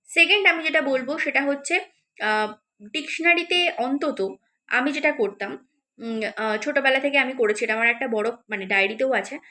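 Woman tutor, high voice, encouraging advice lesson, talks to viewers. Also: normal speed, pushed and bright. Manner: encouraging, addresses viewers directly with many fillers. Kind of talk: spoken advice lesson to students.

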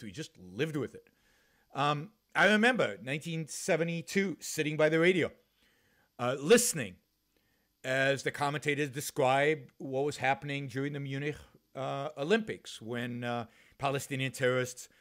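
Speaking earnestly into a studio mic fitted with a pop filter, this Israeli man in his fifties runs a one-man talk-radio show from home, headphones on. His pitch is medium and slightly bright, and his speech is full of fillers and restarts.

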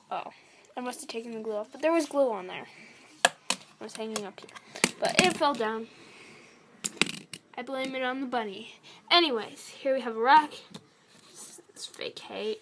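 High-voiced young girl giving a chatty tour. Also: very noisy. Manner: chatty, rambling, lots of fillers. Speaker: toy horse collector giving a barn tour. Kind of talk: casual vlog tour. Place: indoors, small room with a toy barn. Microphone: handheld phone camera close to toys.

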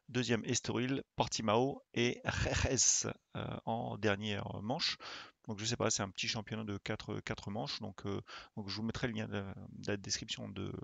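A man's voice: on the low side, vocal fry, a bit bright, no echo. A man chatting casually to his viewers about sim racing, rambling with many fillers and restarts. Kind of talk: casual hesitant chat to viewers.

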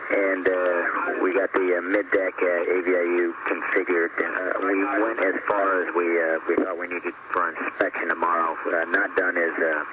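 A man speaking as an astronaut on orbit over a space-to-ground radio link, using clipped radio procedure talk with halting fillers. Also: low-pitched, level tone, highs cut off, very noisy. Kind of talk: radio voice loop between crew and ground.

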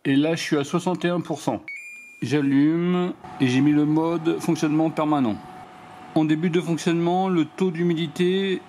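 High-voiced French man demonstrating a gadget. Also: darkish tone, a little hiss or hum. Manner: matter-of-fact, reading out measurements step by step. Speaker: DIY product reviewer. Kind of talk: hands-on product demonstration voice-over.

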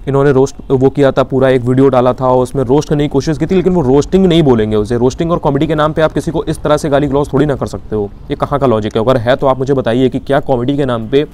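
A man's voice: medium pitch, fast, hardly any pauses, warm tone. A man with an Indian accent giving an indignant opinion commentary, arguing with rhetorical questions. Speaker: YouTube commentator.

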